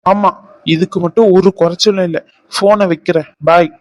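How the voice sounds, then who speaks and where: An insistent, devoted young man in a cartoon , voiced by a man, pressing hard for answers. His voice is high and the sound is dry and close. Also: fairly even intonation, normal speed, dry recording, highs cut off, close to an everyday voice. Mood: upset. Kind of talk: cartoon voice acting.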